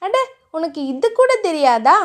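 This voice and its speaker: A woman's voice: very animated, unhurried, exaggerated voice. A woman voicing an innocent, playful young heroine in a romance audiobook, with a childlike, cheerful way of speaking. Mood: sweet. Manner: childlike, cheerful, high and sing-song.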